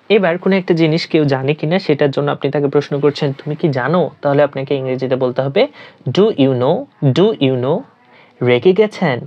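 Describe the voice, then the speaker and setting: A teacher giving a spoken English lesson, saying each phrase in Bengali and then repeating the English slowly. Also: medium pitch, lo-fi sound.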